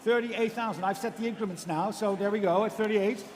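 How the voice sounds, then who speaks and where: A man working as an auctioneer, calling bids in rapid repeated figures and politely prompting bidders. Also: high-pitched, fairly even intonation, darkish tone, big-room sound. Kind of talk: live auctioneer's bid calling. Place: large auction room.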